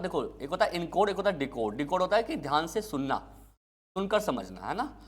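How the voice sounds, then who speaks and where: Man lecturing, answering his own questions. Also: a little high. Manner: asks questions and answers them himself, addresses students as kids. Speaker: teacher. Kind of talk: exam-prep lecture.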